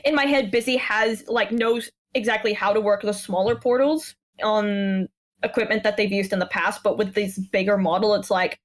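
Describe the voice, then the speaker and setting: A woman's voice: medium pitch, moderate pace. A woman who plays in a tabletop game, retelling her character's adventure in casual, rambling podcast chat with fillers. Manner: animated storyteller, rambling with fillers and laughs. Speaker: player.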